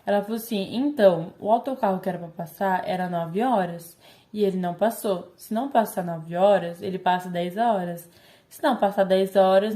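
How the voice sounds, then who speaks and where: A woman's voice: medium pitch, dark tone. A teenage girl with a Brazilian Portuguese accent, chatting to her viewers and retelling a story with lots of quoted dialogue. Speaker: vlogger. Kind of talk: casual storytelling to camera.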